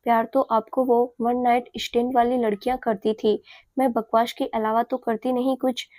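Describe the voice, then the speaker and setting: A woman's voice: fairly high pitch, level tone, moderate pace, mellow, dry recording, close to an everyday voice. A woman narrator voicing an angry, possessive young woman who scolds her lover sharply.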